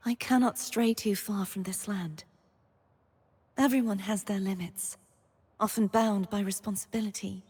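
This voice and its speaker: With a long reverb on the recording, a young actress delivers scripted video game lines as a soft-spoken, breathy maiden heroine who is gentle, earnest and wistful. Her pitch is medium.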